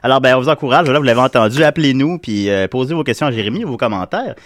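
A man hosting a casual radio interview, joking and cutting in quickly. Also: mid-range voice, lively intonation. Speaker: radio host.

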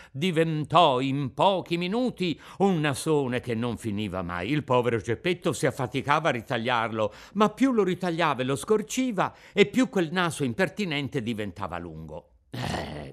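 A man reading a children's tale aloud as narrator, with expressive, rising and falling storytelling. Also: mid-range voice. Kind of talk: scripted narration. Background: faint music.

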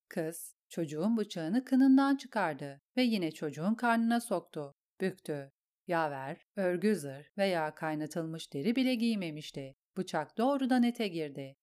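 A woman narrating an audiobook in a steady, measured storytelling voice. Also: fairly low pitch. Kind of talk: audiobook reading.

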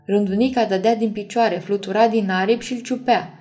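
A woman narrating an audiobook chapter in a measured, expressive reading. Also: mid-range voice, soft background music.

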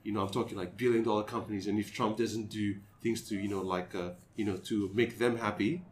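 A young man with a fairly low voice speaks in a halting way, restarting often and filling gaps with repeated filler phrases. His tone stays casual, like someone chatting with friends. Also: fairly even intonation. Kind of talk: casual chat.

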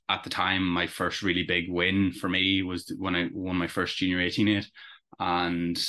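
This young Irish rower talks casually and with enthusiasm in an interview, his low voice carrying a sharp edge.

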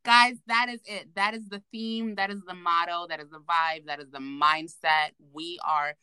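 Bright, animated woman podcast host. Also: lowish voice, moderate pace, smooth, dry recording. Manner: animated, slangy and profane. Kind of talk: casual podcast chat. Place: bathroom, at home. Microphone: remote recording.

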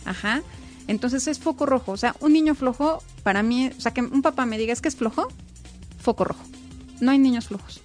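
A woman's voice: high voice, fairly quick, a little mellow, soft background music. Woman explaining child development. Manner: explanatory, emphatic, quotes parents in raised voice. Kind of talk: casual expert chat.

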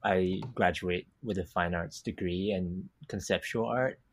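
A young Vietnamese comic artist, appearing as a podcast guest, talks about his work in a relaxed interview. His voice is deep and husky, with fairly even intonation, and he speaks unhurriedly and thoughtfully, using plenty of filler words.

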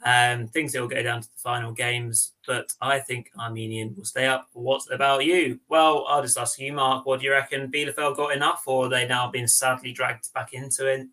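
Bright-voiced man hosting a podcast. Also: medium pitch, flat delivery, normal speed, hardly any pauses. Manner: hesitant, frequent "um" and "kind of". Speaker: podcast host.

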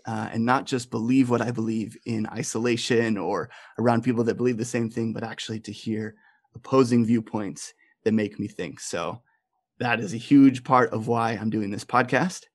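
A man hosting a podcast, talking casually and conversationally with his guest. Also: medium pitch. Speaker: podcast host.

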